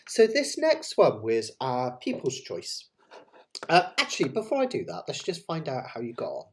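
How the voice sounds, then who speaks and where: A man's voice: a little high, huge pitch swings, moderate pace, slight background noise. A man with a West Country English accent hosting a casual livestream, chatting in a rambling, enthusiastic, self-deprecating way. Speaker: host of a live ukulele play-along. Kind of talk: casual livestream chat to viewers.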